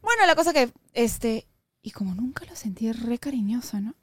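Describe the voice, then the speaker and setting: Mujer peruana contando una historia, voz aguda. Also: female voice, fairly high pitch, moderate pace, breathy edge, no room sound, studio quality. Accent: Peruvian Spanish. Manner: animated rambling storytelling, restarts and fillers. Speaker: podcast co-host telling a personal story. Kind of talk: casual chat.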